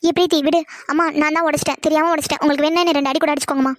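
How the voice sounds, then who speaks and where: A woman voicing a mother and her daughters in a cartoon, in rapid, scolding family arguments. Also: sits high, steady tone, no echo, clean studio sound. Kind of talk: cartoon dialogue.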